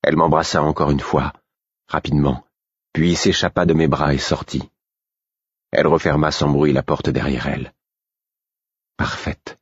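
Very deep husky male narrator. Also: flat delivery, no echo, lo-fi sound. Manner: measured storytelling. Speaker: audiobook reader. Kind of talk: scripted fantasy narration.

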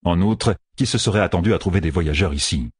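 A male audiobook narrator with a very low, husky and breathy voice. He reads in steady scripted narration. The sound is dry and close, with no room around it. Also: fast talker, dry recording.

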